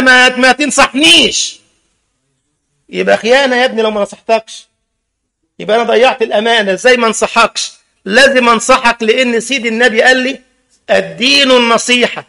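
An Egyptian imam preaches to his congregation in a very high, gravelly voice. His tone is bright and sharp, and he keeps firing rhetorical questions and teasing listeners in the mosque. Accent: Egyptian Arabic. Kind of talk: mosque sermon.

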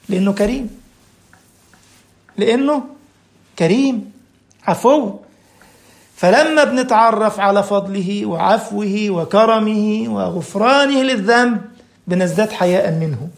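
Egyptian preacher, high gravelly voice. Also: male voice. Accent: Egyptian Arabic. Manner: exhorting, rhetorical questions to the listeners; recites scripture slowly and deliberately. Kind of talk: sermon.

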